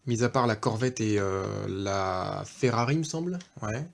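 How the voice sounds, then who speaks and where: A man's voice: fairly low pitch, animated, measured pace, creaky. A man giving a casual off-camera toy review, hesitant, with many fillers and self-corrections.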